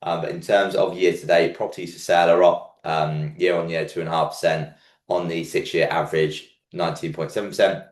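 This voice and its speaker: A very deep-voiced man presents a market update like a commentator walking through figures. His voice is croaky and hoarse, as if a frog sits in his throat from feeling under the weather. The room around him is noticeably echoey. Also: little pitch movement, a little fast. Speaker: host of a property market update show.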